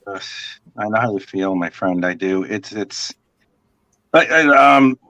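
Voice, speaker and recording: A comic artist chatting casually on a live drawing stream, blunt and teasing, swearing freely. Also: male voice, lowish voice, expressive, measured pace, a bit bright, no room sound. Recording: dull lo-fi stream audio.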